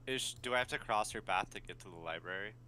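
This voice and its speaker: A man with a fairly low but bright voice, playing a tabletop game. He thinks aloud and hesitates as he picks his moves, with faint background noise behind him. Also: fast talker. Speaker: player.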